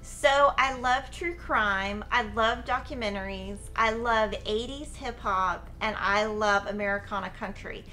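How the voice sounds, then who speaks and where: A woman's voice: medium pitch, measured pace, hardly any pauses, bright, forceful tone, slight background noise. A woman in her forties hosting, chatting in an upbeat, talkative way in a studio. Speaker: host. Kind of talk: casual chat. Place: studio with Christmas tree.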